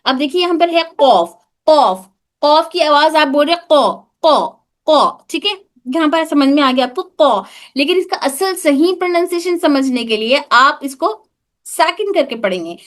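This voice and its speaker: A woman's voice: sits high, lively intonation, normal speed. A woman teaching an online class on the sounds of Arabic letters, patiently demonstrating each sound and repeating it. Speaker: tajweed teacher. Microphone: video call.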